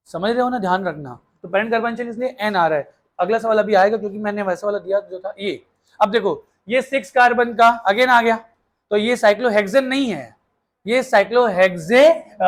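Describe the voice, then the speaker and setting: Male chemistry teacher, classroom lecture; brisk, coaxing, quizzes the class, mixes in English terms. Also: sits high, a bit bright.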